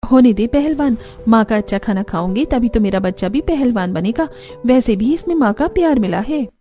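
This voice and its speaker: A woman's voice: on the high side, expressive, moderate pace, warm tone, faint music behind, lightly acted. A woman voicing a loving poor young village mother in a cartoon, tender and earnest. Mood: cheerful. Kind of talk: animated cartoon voice acting.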